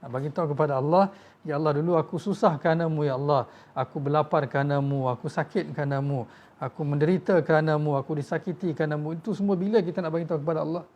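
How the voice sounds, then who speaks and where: A man's voice: on the high side, fairly even intonation, fast talker, dull audio, a little hiss or hum. A man with a Malaysian Malay accent preaching a sermon, telling stories with feeling and addressing his listeners directly. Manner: emotional storytelling, voices quoted figures, addresses audience as tuan-tuan.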